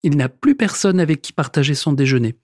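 Man reading a children's story, expressive. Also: on the high side, fairly quick, no echo, clean studio sound. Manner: lively, expressive reading with sound words. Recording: background noise.

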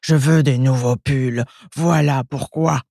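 A woman voicing a grumpy, bossy female ogre in a children's storybook, gruff and menacing. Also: a bass voice, a little slow, mellow, no echo, clean studio sound, exaggerated voice. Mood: grumbling.

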